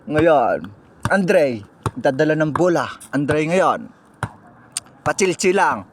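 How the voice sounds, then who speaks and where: High-pitched excitable man calling a game. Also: slow, a little hiss or hum. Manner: excitable, teasing, laughs often, shouts on plays. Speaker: play-by-play commentator. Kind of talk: playful mock sports commentary.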